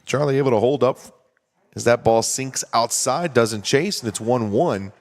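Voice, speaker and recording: A man calling a baseball game play-by-play, talking steadily and conversationally and explaining strategy between pitches. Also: moderate pace. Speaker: play-by-play announcer. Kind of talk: baseball commentary.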